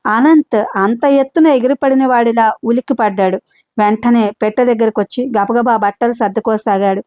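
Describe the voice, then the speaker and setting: Woman narrator for an audio novel, steady and measured, slightly high voice, dry close mic. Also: no echo.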